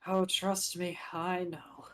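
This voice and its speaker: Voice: medium pitch, measured pace, close to an everyday voice. A player voicing a blunt, sardonic, protective young man in a tabletop game, in terse lines. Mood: bitter, protective. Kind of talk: tabletop role-play.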